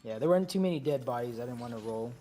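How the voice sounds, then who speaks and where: A man leading a game raid, calling out instructions briskly, repeating commands and slipping in joking asides. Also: mid-range voice, animated, dark tone. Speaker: raid leader. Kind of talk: calling instructions over voice chat while gaming.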